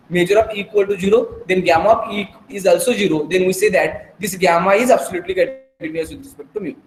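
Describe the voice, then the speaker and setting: A man lecturing in mathematics, dictating definitions in short, repeated phrases with pauses between them. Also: sits high. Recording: echoey room with faint background noise.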